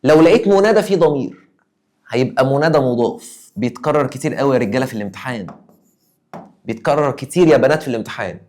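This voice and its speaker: A man's voice: mid-range voice, animated, quick pace, darkish tone. A young man with an Egyptian Arabic accent, a teacher giving an exam review lesson, emphatic and acting out his students' questions.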